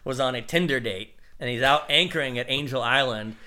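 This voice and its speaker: Male podcast host, casual and easygoing, bright tone, talks through his job with a laugh. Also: mid-range voice, a little fast. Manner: laid-back, laughs often, rambling explanations. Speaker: sailing instructor. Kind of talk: casual chat.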